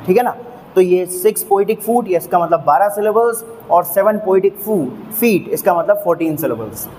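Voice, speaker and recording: High-voiced male teacher counting aloud. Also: dark tone, in a large hall, slight background noise. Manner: explains step by step, counting aloud and checking understanding. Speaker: English teacher. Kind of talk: classroom lecture.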